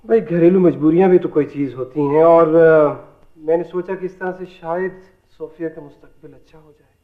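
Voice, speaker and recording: A man's voice: on the high side, steady tone, moderate pace, close to an everyday voice. An actor playing a lovesick young man who speaks in flowery, theatrical speeches, in an old TV drama. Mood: troubled. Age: young adult. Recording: lo-fi old TV audio, faint music.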